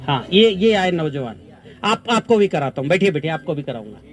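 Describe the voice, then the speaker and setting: Brief: male farming trainer, high and animated voice, outdoor field demo, firm repeated instructions. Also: a little fast. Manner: animated, repeats short commands. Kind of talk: live outdoor demonstration with participants. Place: outdoors on farmland under trees.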